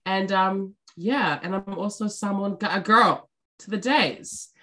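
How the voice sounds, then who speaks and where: A young woman musician from New Zealand chats as a guest in a casual interview, bubbly and jokey. Her medium-pitched voice sounds pushed and bright, and she speaks unhurriedly. Fillers and easy laughter run through her talk.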